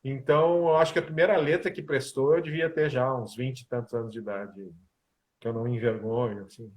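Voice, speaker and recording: A man's voice: mid-range voice, a little fast. A man, a musician and composer, talking casually in an interview and telling stories. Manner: animated storyteller, sings snippets of lyrics.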